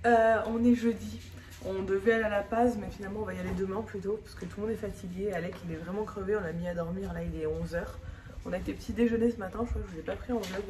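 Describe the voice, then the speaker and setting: A woman's voice: mid-range voice, fairly even intonation, fast. A woman, chatting casually to her vlog on a handheld phone. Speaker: travel vlogger. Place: outdoors on beaches, in a moving car. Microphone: phone at arm's length. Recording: noisy handheld phone, muffled, wind and car.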